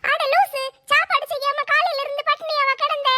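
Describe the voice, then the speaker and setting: A woman's voice: extremely high pitch, fairly even intonation, fairly quick, pushed and bright. A woman voicing a bold, bossy older sister who scolds and reassures in a brash way.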